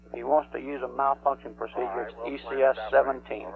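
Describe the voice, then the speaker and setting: A man's voice: mid-range voice, steady tone, fast talker, gravelly. A man working as a flight systems controller, giving technical status reports over a radio loop. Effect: mission control radio loop. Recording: tinny, humming radio loop.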